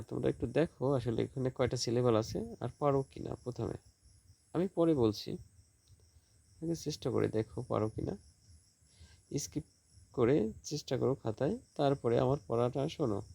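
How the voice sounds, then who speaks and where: A male teacher giving a school lesson, sounding out example words slowly, with a Bangladeshi Bengali accent. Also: mid-range voice, vocal fry, warm tone, no room sound. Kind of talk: classroom lesson for school students.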